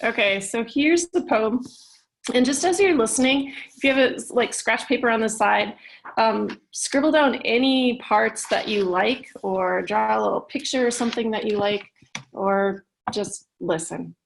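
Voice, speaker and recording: A woman high school teacher giving slow, gentle instructions to listeners. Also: gravelly, a little hiss or hum, low-quality recording. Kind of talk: classroom instructions.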